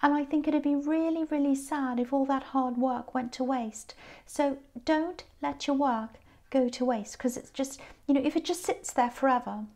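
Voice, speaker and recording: A tired woman with a croaky voice, giving a casual tarot card reading in a gentle, reflective way. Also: high-pitched, moderate pace. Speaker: tarot reader.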